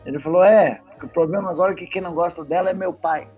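A man's voice: high voice, flat delivery, racing, lo-fi sound, over music. A male comedian telling a short joke in a casual, slangy manner. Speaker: comedian guest.

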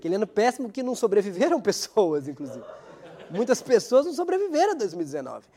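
A man with a high-pitched voice hosts a weekly comedy segment in a loose, rambling stand-up style. He mocks himself and laughs at his own jokes as he goes. A new dental aligner slightly hampers some of his syllables. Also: big pitch swings, fast, dark tone. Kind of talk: stand-up style comic monologue.

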